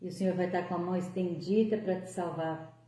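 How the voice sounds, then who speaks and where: Woman in her sixties, fervent devotional talk, warm mellow tone, very echoey room. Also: lowish voice, fairly even intonation, quick pace, slight background noise. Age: 60s. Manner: emotional, fervent, rising on praise.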